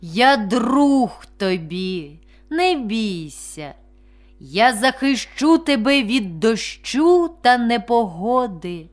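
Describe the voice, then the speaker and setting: A woman voicing a huge, wise old oak tree that speaks slowly, calmly and reassuringly in a storybook reading. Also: a little high, exaggerated voice. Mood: gentle. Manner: slow, calm and reassuring.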